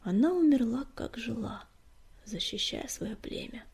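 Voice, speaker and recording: A worn-out young male cat who leads his clan, speaking in a breathy, tired way, as a woman reader puts him on. The voice sits a little high but sounds dark and husky. It is a storybook figure from an audiobook. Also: expressive, measured pace, heavily acted. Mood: grim. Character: weary young male tomcat clan leader.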